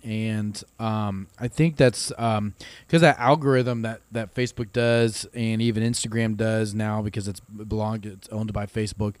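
Halting man talking social media, dry. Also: fairly low pitch, steady tone, clear, resonant tone, no room sound. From Ohio. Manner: halting, many fillers and restarts. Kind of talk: casual ministry discussion.

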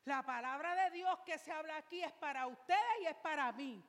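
Mujer predicadora, acento de Rico, sermón repetitivo y apasionado, reverberación de templo. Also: female voice, high-pitched, lively intonation, normal speed. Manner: emphatic, repetitive preaching with rhetorical questions. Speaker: pastor. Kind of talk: sermon. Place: church.

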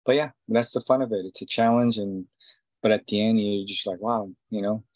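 A man's voice: lowish voice, steady tone, a little fast, darkish tone, no room sound. A man in his forties from Israel, a tattoo artist, talking casually in an interview and rambling with many fillers and restarts. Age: 40s.

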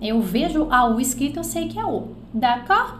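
A woman with a Brazilian Portuguese accent teaching French in a live online lesson, lively and repeating words slowly for practice. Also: sits high, slight background noise.

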